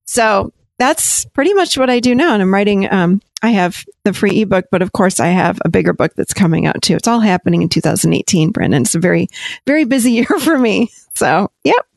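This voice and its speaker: A woman's voice: medium pitch, expressive, vocal fry, a little mellow, no room sound. Chatty woman, dry close sound. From Rochester, New York. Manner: chatty, quick, self-correcting, laughs often. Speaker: podcast guest, therapist. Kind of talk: casual interview talk.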